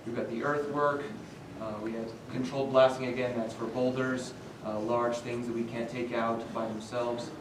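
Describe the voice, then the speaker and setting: A young man giving a student team presentation, steady with frequent filler sounds, recorded from a distance in a noisy, echoey room. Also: medium pitch, moderate pace, few pauses.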